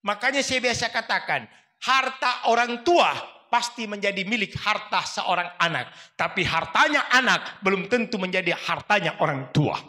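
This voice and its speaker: A man's voice: high voice, expressive, normal speed, bright, forceful tone. A man in his fifties with a Makassar accent, giving a humorous sermon and acting out family stories. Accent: Makassar Indonesian. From South Sulawesi, Indonesia. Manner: storytelling, swaps into voices of mother and father. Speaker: preacher. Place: mosque hall. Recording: echoey mosque hall.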